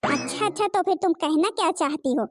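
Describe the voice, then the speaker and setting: A woman voicing a spoiled, rude young stepsister in an animated cartoon, whiny and demanding. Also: very high voice, fairly quick, dry recording, faint music behind. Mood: mocking.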